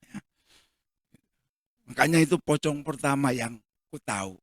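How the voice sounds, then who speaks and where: A man with a Jakarta accent preaching a sermon, a dramatic, joking storyteller who bursts into shouts. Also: medium pitch, animated, a little slow, no echo, studio quality. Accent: Jakarta Indonesian. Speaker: pastor. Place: church.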